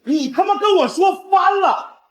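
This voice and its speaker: A man doing a shrill, bullying trucking boss. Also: sing-song, a little fast, heavily acted. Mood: raging. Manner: domineering, yelling insults. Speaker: company boss.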